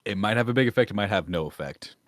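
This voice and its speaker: Deep-voiced man running a tabletop game. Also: animated, fast talker, fairly bright tone, dry recording, clean studio sound. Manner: rambling, thinks aloud with many restarts. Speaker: game master.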